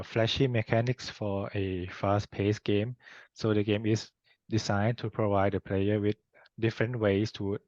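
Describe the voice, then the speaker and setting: A young man, a student, presenting a class project in a formal, measured way, heard through a video call screen recording. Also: fairly low pitch, darkish tone, no echo. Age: young adult. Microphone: computer mic on a video call. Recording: dull, dry online call audio.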